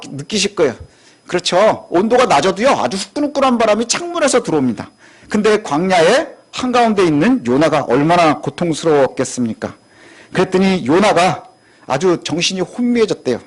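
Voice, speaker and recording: A male pastor giving a conversational sermon, often asking rhetorical questions and dropping in a short affirming word. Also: high voice. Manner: frequent affirming "ye" filler.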